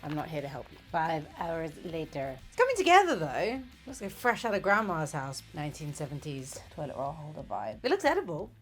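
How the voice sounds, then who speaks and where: Woman, tipsy and giggly, very animated pitch, rambling, sweary, self-mocking, comic baking vlog, music behind. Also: a little fast, hardly any pauses. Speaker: host of a comedic baking video. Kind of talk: casual comic vlog chat.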